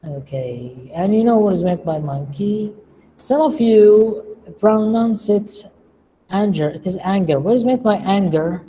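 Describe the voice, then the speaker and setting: Mellow, patient lecturer. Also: medium pitch, expressive. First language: Arabic. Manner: patient, slow and deliberate, quizzing students. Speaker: English lecturer. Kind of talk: classroom lecture with questions to students. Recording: long reverb, faint room noise.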